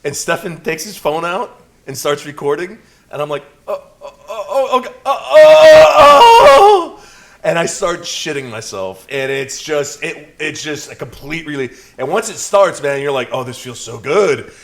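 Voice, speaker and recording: A man's voice: on the high side, normal speed. A man co-hosting a podcast, telling crude stories and teasing his partner in casual chat. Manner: crude, teasing, animated storyteller. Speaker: podcast co-host, promoter.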